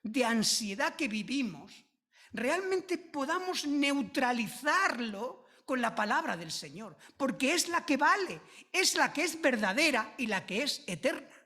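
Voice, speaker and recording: A woman from preaching a sermon, slow and emphatic, repeating key phrases with drawn-out stress. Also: high voice, very animated, sharp tone.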